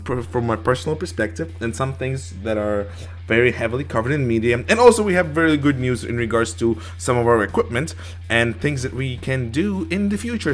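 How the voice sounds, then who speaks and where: A man's voice: mid-range voice, a bit bright. Young male co-host from Ukraine, Russian accent, jokey crude rambling gamer chat, faint music under. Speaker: podcast co-host. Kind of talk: casual gaming-stream chat.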